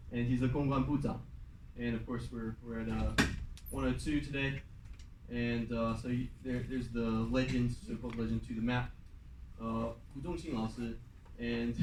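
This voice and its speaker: A young student club president casually presents the semester plan to a class in a mid-range voice with a little hiss or hum. He's loose and chatty, uses lots of fillers, and switches into Mandarin at times. The recording is from far off in an echoey classroom.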